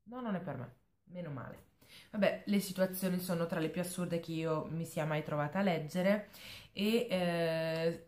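Young woman, book vlogger, sarcastic and exasperated, low voice, unhurried delivery. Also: reverberant. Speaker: book reviewer. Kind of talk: casual vlog review.

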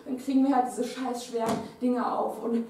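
A young woman spins an improvised funny story for a class, laughing often as she goes. Her voice sits high. The sound is very echoey and the mic is set well back from her. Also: level tone, a little fast, dark tone, a little hiss or hum. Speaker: student storyteller. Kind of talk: improvised comic monologue. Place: classroom stage. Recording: echoey room, mic far off.

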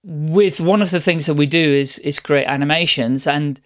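A middle-aged man tells his own story as a podcast guest. His voice sits a little high for a man, and he rambles warmly from one point to the next, often restarting his sentences. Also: moderate pace. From Netherlands. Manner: chatty, rambling, with frequent restarts. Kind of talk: casual interview storytelling.

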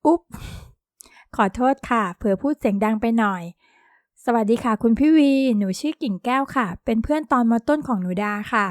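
A woman voicing a chatty, excitable teenage girl who talks loudly and fast in an audio novel. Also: a little high, no echo, studio quality, lightly acted. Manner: talkative, loud and bubbly.

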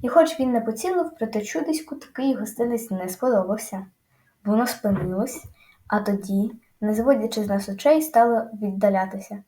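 A woman narrating a children's audiobook with lively, dramatic storytelling. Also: mid-range voice, fairly quick, echoey room.

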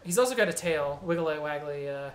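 A man's voice: fairly high pitch, animated, brisk. A young man co-hosting a gameplay video, rambling and joking as he explains the game. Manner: rambling, joking, lots of fillers. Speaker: let's play co-host, guide. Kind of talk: casual gameplay chat.

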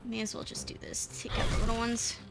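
A woman's voice: a little high, monotone, quick pace, gravelly. A woman streamer giving playful, chatty live gameplay commentary, swearing now and then and giggling at her own jokes. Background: game music.

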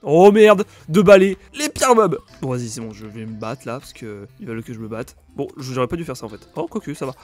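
A young man with a cold, commenting loudly on his own gameplay, swearing and yelping when enemies attack. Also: mid-range voice, fast, hardly any pauses, faint music behind. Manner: excitable, swears a lot, yelps at enemies. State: has a cold. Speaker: gaming YouTuber.

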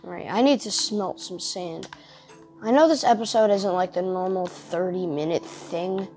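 A woman's voice: on the low side, normal speed, mellow, faint music behind. A tired woman hosting a casual let's-play, rambling and thinking aloud as she plays, often poking fun at herself. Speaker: gaming channel host.

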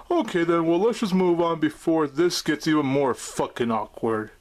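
A man's voice: fairly high pitch, unhurried, lightly acted. A man voicing a crude, sweary Santa toy, bantering casually in an amateur comic skit.

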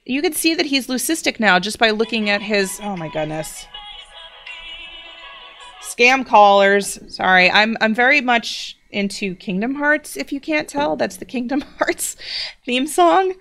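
Young woman let's player, chatty, swooping lively pitch, gasps when excited. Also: moderate pace, gravelly, soft background music. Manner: chatty, talks to the game animals, bursts into excited gasps. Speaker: let's play host. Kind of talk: casual gameplay commentary.

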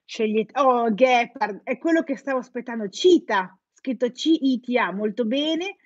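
A woman's voice: a little high, expressive, measured pace, no echo. Playful Italian-speaking woman teacher, lo-fi stream. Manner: playful, teasing, jokes with students. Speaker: English teacher hosting a live quiz. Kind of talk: live-stream lesson, chatting with viewers. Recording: dull, lo-fi live-stream audio.

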